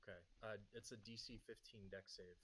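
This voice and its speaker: A man's voice: lowish voice, steady tone, a little fast, bright, forceful tone, slight background noise. A man talking casually as a player in a tabletop role-playing game.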